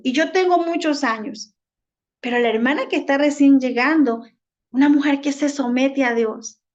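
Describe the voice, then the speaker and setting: High-voiced Ecuadorian woman preaching slowly. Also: a little mellow. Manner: deliberate preaching with rhetorical questions. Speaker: minister. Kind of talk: sermon. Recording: dull lo-fi recording.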